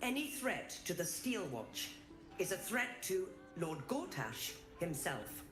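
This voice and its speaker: Stern mechanical guard construct. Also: female voice, lowish voice, slow. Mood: commanding. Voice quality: flat, official, commanding. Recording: echoey game audio. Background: game music.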